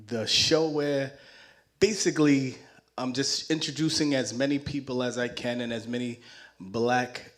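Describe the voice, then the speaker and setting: A man hosting a live community talk show, out of breath, upbeat and loose, often repeating himself. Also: mid-range voice. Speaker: host.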